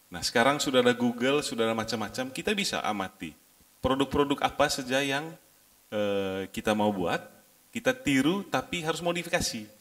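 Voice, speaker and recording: Low-voiced young man telling stories. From Indonesia. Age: young adult. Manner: relaxed, chatty storytelling with many fillers. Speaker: company director. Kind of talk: panel talk sharing experience.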